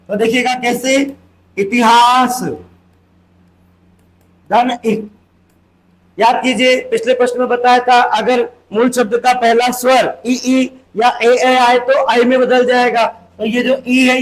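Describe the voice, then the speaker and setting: A man's voice: very high-pitched, low-quality recording. A man teaching a grammar lesson for exam preparation, asking questions and answering them himself, stressing the rules and repeating key words. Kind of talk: exam-prep classroom lesson.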